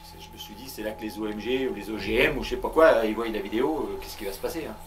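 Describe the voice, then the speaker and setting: A man's voice: fairly low pitch, soft background music. A man hosting his own video channel in a casual comic monologue, rambling with many hesitations and frequent chuckles. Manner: talks fast.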